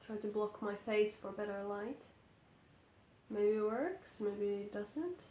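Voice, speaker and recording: Her voice hoarse from illness, a knitting vlogger from Finland speaks English with a Finnish accent in a casual update, slow, careful and hesitant. The mid-range voice is warm, and the lamp-lit room is reverberant with slight background noise.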